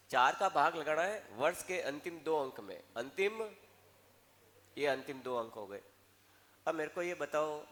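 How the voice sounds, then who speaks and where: A man's voice: fairly high pitch, fairly bright tone, big-room sound. A male teacher lecturing a classroom in Rajasthani-accented Hindi, coaxing and scolding students with questions to the class.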